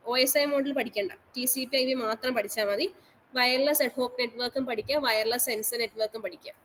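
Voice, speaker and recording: A woman's voice: fairly high pitch, slight background noise, poor audio. Repetitive woman teacher, online class. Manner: repetitive, instructive, mixes English terms into speech. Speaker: college teacher. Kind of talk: online class lecture on exam syllabus.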